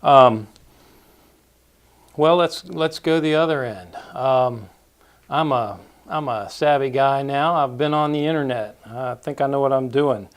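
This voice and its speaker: A man's voice: medium pitch, measured pace. A man hosting a business show, asking questions in a conversational, prompting way. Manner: conversational, prompting with short acknowledgments. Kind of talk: interview questions. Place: TV studio.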